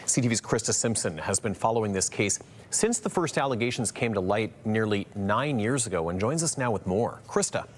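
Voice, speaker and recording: A man, an evening news anchor introducing stories in a brisk, polished way. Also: on the low side, animated.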